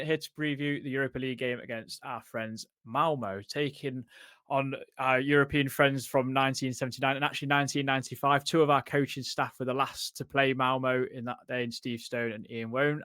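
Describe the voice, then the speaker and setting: A man from England hosts a football podcast in a chatty, casual way, full of fillers, restarts and repeated words. His mid-range voice is a bit bright, recorded at studio quality with no echo.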